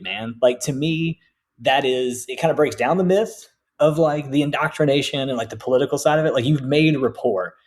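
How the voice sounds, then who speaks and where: A man co-hosting a podcast as an English teacher, telling stories in a casual, animated way. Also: medium pitch. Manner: animated storytelling, acts out quoted voices.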